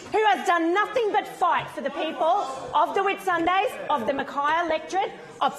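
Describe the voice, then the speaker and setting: An Australian woman with a high voice speaks as an opposition politician in parliament. She is emphatic and rhetorical, repeating key phrases to drive them home. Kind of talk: parliamentary speech. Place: parliamentary chamber.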